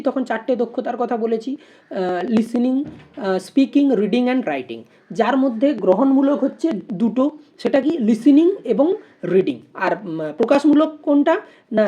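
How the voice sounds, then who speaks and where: A woman's voice: a little high, dark tone. A woman teaching an exam-prep lesson. She reads out multiple-choice questions and options, then explains each answer step by step and poses rhetorical questions.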